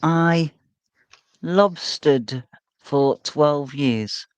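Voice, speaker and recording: A man's voice: on the high side, drawn-out words, smooth, no room sound. A British man in casual chat, making dry joking asides. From Britain.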